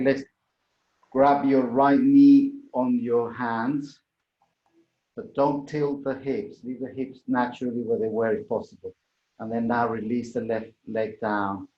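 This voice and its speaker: A man's voice: mid-range voice, steady tone, normal speed. Echoey, muffled man leading a yoga class. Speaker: yoga instructor. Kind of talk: guided yoga class instruction. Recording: echoey room, dull muffled sound.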